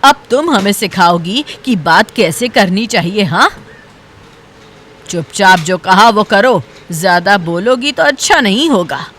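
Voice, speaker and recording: A woman's voice: mid-range voice, expressive, a little slow, a bit bright, a little hiss or hum. A woman voicing a harsh, scornful older mother-in-law in a cartoon story. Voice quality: cutting, contemptuous. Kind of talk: cartoon voice acting.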